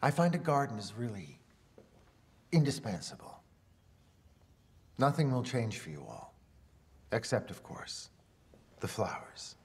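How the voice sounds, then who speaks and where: An actor playing a scheming, smooth-talking writer in a period film, speaking in a polite, persuasive, formal way. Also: male voice, mid-range voice, big pitch swings, unhurried, long pauses. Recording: reverberant film soundtrack.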